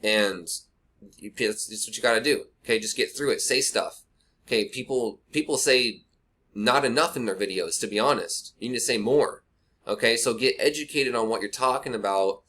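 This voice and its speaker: Man, blunt, rambling, screen-recorded tutorial, webcam mic, mid pitch. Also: moderate pace, bright, forceful tone. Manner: blunt, rambling, talks to viewer directly. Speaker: online marketing instructor. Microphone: cheap webcam mic.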